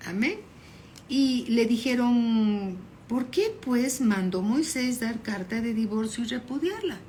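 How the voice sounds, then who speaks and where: A woman's voice: mid-range voice, a little mellow, a little hiss or hum. A woman pastor giving a Bible study sermon, reading verses aloud and explaining them, often checking in with her listeners.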